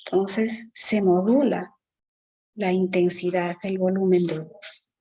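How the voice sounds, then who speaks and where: Lady teaching a class online, talks real slow, says "este" and "no?" a lot. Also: on the low side, steady tone, mellow, low-quality recording. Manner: slow, explanatory, many fillers and tag questions. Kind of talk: online exam-prep lecture.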